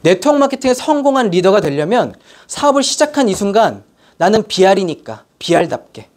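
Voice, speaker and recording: Animated woman giving a motivational lecture. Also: mid-range voice, brisk. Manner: animated storytelling, questions to the audience. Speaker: seminar lecturer. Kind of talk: motivational sales seminar lecture.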